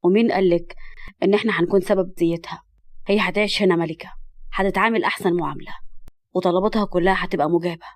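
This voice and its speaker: A woman voicing a firm, protective young man in a lowered voice, with an Egyptian accent. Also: fairly even intonation, rapid-fire, close to an everyday voice. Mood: determined. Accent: Egyptian Arabic.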